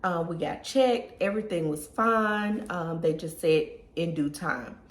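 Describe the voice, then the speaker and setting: A woman's voice: on the low side, a little slow. Emotional woman telling her story, echoey room. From Southern US. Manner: emotional, conversational, addresses viewers as y'all. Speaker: lifestyle vlogger. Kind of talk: personal storytelling to camera.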